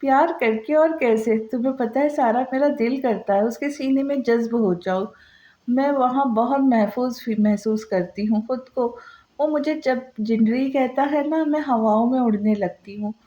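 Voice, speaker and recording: A female narrator voicing a caring young woman in a soft, reassuring way. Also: a little high, normal speed, close to an everyday voice. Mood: tender.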